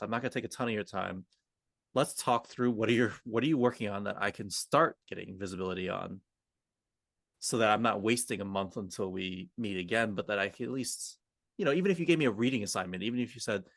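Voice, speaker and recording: With a lowish, fairly bright voice and no echo around him, this man co-hosts a podcast as a communication coach. He speaks off the cuff, walking listeners through ideas and regularly voicing imagined example conversations.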